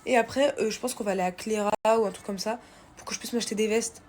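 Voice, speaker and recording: Higher-pitched young woman vlogging casually. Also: fairly even intonation, fast talker, a little mellow. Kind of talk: casual diary vlog.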